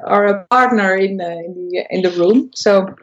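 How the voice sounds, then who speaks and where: A woman's voice: moderate pace, muffled recording. Woman voice coach explaining. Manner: demonstrates pitch shifts, squeaky high then low voice; explanatory, many restarts. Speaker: voice and persuasion coach, guest. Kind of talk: interview conversation.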